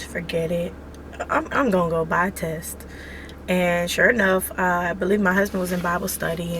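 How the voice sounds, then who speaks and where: A woman vlogging from a car, telling a story in an animated, chatty way with lots of fillers. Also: medium pitch, vocal fry, a little hiss or hum. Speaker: vlogger, mother. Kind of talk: casual storytelling.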